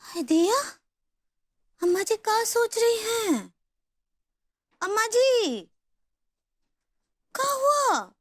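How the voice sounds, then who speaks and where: A naive young sitcom housewife with a very high, thin voice. She drawls each word slowly in a sing-song way, recorded dry and close. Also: very animated, no room sound, full character voice. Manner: slow, sing-song, innocent.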